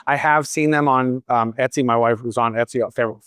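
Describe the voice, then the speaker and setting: His voice sits in the mid range, a bit bright, clear and resonant, with fairly even intonation and a normal speed. He's a Boston salon owner in his fifties with a slight accent, answering questions and telling wryly punctuated stories in a casual training-event Q&A. The recording is studio quality and echo-free.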